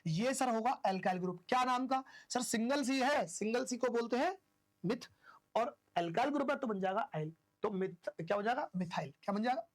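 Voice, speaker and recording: A woman teacher with a fairly high voice explains a chemistry lesson. She keeps firing questions at her students and answering them herself. Her tone stays homely and conversational. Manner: chatty, asks and answers own questions, homely analogies.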